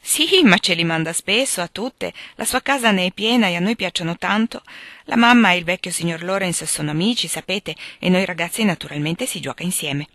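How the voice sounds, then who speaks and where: A modest, poor teenage girl, as a woman reader voices her in a storybook audiobook. She sounds gentle and polite, with a trace of embarrassment. The recording is dry and close. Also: fairly low pitch, brisk, no echo.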